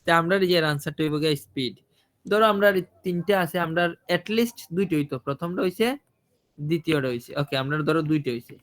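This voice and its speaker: High-voiced teacher. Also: male voice, a little fast, a bit bright. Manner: questioning, repeats points to students. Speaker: IELTS teacher. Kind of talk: online listening class, explaining in Bengali.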